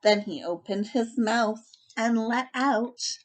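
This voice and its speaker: Heavy background noise surrounds a woman hosting a children's story time as she reads a picture book aloud. She uses a deliberate, expressive storytelling style, and her pitch is fairly high.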